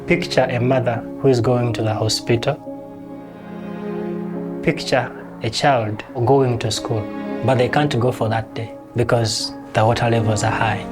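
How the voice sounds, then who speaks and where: Man, documentary interview, mid-pitched voice, measured rhetorical delivery, clear music behind. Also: steady tone.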